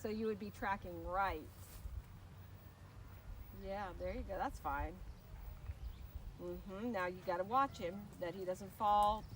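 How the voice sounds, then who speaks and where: A woman working as a riding instructor, coaching a rider through a lesson with brisk, projected commands and running encouragement. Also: mid-range voice. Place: riding arena among horses. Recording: noisy, with hoof clip-clop and ambience.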